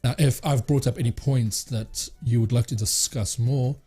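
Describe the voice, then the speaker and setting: Talking casually to the camera, a man who runs a tech channel meanders through his thoughts with lots of "uh"s, stumbles and restarts. His mid-range voice is warm, a bit raspy and steady, with quiet music faintly behind him.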